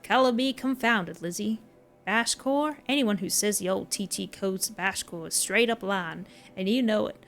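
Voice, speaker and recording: A woman's voice: medium pitch, normal speed, fairly bright tone, faint music behind, lightly acted. A woman reading out a rowdy, folksy man who loves death metal, in a put-on American drawl.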